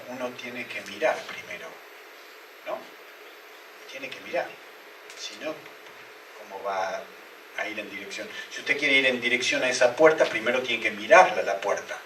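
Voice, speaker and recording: A man's voice: medium pitch, fairly bright tone, slight background noise. Man preaching in an echoey church. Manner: preaching with many rhetorical questions. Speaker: pastor. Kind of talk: sermon. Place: church hall. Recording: roomy, echoey church hall, mic at a distance.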